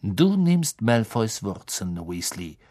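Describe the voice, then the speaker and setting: Male reader as a middle-aged audiobook professor: slow, icy, quietly threatening. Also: lowish voice, very animated, full character voice. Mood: cold, menacing.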